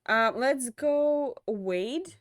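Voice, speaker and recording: Her voice sits high, recorded in clean studio sound with no echo. A tired young streamer slowly losing her voice, she closes her stream with casual, rambling chat packed with fillers and false starts.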